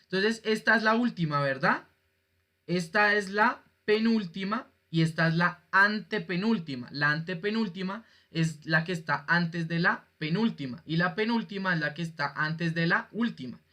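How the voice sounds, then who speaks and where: A man's voice: sits high, moderate pace, sharp tone. A male teacher giving an online class, patient and jokey, quizzing his students as he explains. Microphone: video call.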